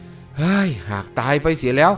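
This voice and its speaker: A man doing a clever, sharp-tongued young heroine. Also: normal speed, soft background music, close to an everyday voice. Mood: measured.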